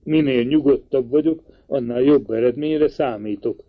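A man voicing a tired, composed man who speaks calmly and quietly. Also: mid-range voice, phone-quality sound, natural voice. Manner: subdued, calm. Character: weary, composed adult man, quiet and restrained.

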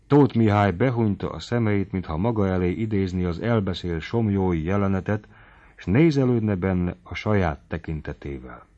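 Male narrator for a literary audiobook; low voice, steady and measured. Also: lo-fi sound. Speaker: audiobook reader. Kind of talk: scripted narration of a novel.

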